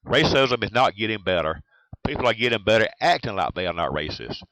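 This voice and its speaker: A man's voice: lowish voice, lively intonation, fairly quick, fairly bright tone, dry recording, low-quality recording. A man with a Southern US accent delivering a blunt, provocative scripted monologue as an aspiring talk radio host. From USA. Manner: blunt, provocative, list-like repetition.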